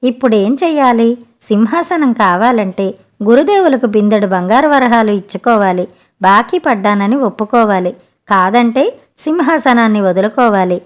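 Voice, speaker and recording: Woman storyteller, scripted folk-tale audiobook narration, steady and clear, slightly high pitch. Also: normal speed.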